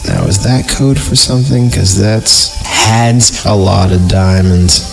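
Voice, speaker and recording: Over background music, a podcast host with a fairly low voice and vocal fry reads creepypasta at a slow pace. Every so often he drops the story to crack sarcastic, off-the-cuff jokes.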